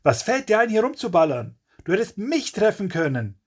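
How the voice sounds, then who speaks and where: A man voicing a gruff, bossy gangster who barks orders and snaps at his partner. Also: sits high, very animated, moderate pace, voice pushed up. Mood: outraged. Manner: barking orders.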